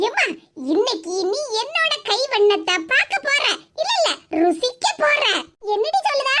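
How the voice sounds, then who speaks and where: A woman speaks as a fond, coaxing daughter in a comic village skit, in a Kanyakumari Tamil accent. Her voice is extremely high, and heavy noise covers the recording. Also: very animated, measured pace. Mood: reassuring. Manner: soothing, affectionate, coaxing. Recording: loud background noise.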